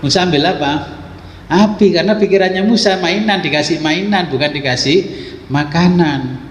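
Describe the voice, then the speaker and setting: A man leads a religious study lesson, his voice sitting slightly high. He explains in a relaxed, folksy way, tossing out rhetorical questions. The recording rings with a long hall echo. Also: moderate pace, slight background noise. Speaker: religious teacher. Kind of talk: kitab study lecture. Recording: echoey hall with faint ambience.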